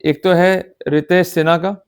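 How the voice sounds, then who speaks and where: An unhurried lecturer with a high, clean voice and an Indian accent explains law in Hindi, using English legal terms, with fairly even intonation. He instructs emphatically and keeps checking comprehension through repeated short questions.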